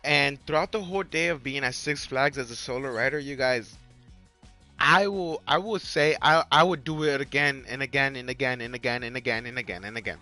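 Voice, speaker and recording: Forceful and bright, a young man with a Mexican accent talks a little fast in a medium-pitched voice while streaming a game live. His casual chat to viewers wanders and repeats, heavy on "like" and "you guys," with faint music underneath.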